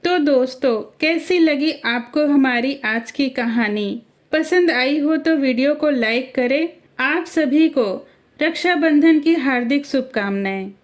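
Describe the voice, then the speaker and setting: A woman narrating a cartoon story in a measured, scripted storytelling manner. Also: sits high.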